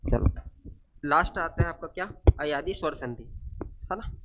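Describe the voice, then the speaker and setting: A man giving a step-by-step grammar lecture, unwell and low on energy, asking the class questions and answering them himself. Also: expressive, moderate pace, a bit bright. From India. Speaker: grammar teacher.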